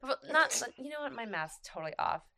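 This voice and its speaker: A woman's voice: on the high side, very animated, fast, gravelly, pushed and bright. A woman in her thirties in casual podcast chat, talking freely, laughing often and trailing off mid-thought.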